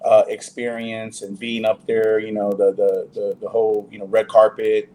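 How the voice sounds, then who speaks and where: A man's voice: on the low side, monotone, moderate pace, warm tone. A man, an actor guest in a casual interview, talking loosely with many fillers and restarts.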